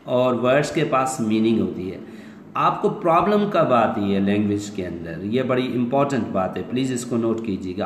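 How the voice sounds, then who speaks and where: A man teaching an online English class, explaining step by step and asking questions he answers himself, slowing down to stretch out English phrases. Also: lowish voice. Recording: roomy echo with long reverb, faint noise.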